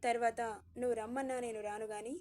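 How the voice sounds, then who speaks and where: A young groom, firm and then playfully teasing in a storybook romance, as a woman narrator voices him. The voice sits high and soft, with a warm, mellow tone and no gruffness. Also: level tone, fast talker, lightly acted. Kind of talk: audio story reading.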